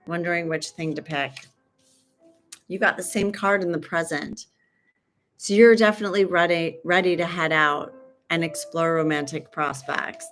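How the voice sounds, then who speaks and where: A woman with a lowish, slightly bright voice reads tarot cards casually on her livestream as its host. She's chatty and rambling, trailing off mid-sentence and tossing in joking asides.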